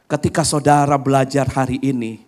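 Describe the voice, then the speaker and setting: A middle-aged male pastor preaching a sermon, swinging from loud, high exclamations to hushed asides, often calling on the congregation for an amen. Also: little pitch movement, a little fast.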